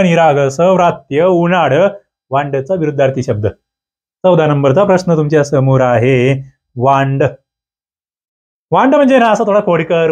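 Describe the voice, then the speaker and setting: Guy going through a grammar test, reads the options then explains, lots of fillers and self-corrections, higher-ish voice. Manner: lively, with sudden pitch jumps for emphasis. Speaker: exam prep teacher. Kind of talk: grammar test walkthrough lesson.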